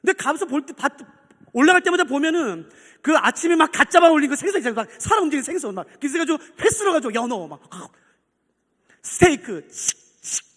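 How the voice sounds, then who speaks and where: A male pastor preaching a sermon in a large church, telling an anecdote and acting out its people with sudden shouts. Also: very high-pitched, rapid-fire. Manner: animated storytelling, acting out characters with shouts. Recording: long church reverb.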